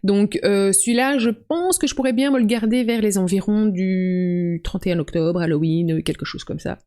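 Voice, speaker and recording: A woman's voice: medium pitch, normal speed, warm tone. Chatty woman. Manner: chatty, many fillers and restarts. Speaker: booktuber. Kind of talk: casual chat about books. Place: at home.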